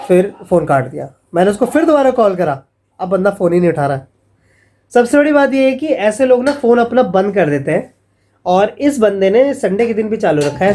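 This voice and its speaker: A man's voice: sits high, mellow. A man, vlogging in a casual, chatty way and calling his viewers friends as he mockingly retells scam calls. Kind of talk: casual vlog warning viewers.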